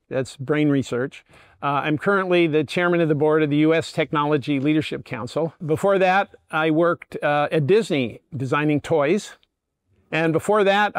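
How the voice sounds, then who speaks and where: Man, older, guest lecturer, methodical plain delivery, fairly high pitch, dry. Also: dry recording. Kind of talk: public lecture.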